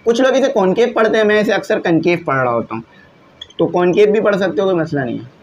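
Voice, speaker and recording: A man's voice: high-pitched, very animated, quick pace, highs cut off, a little hiss or hum. A male teacher, patiently explaining exam answers in a classroom lesson and often checking in with his students. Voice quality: glasses wearer.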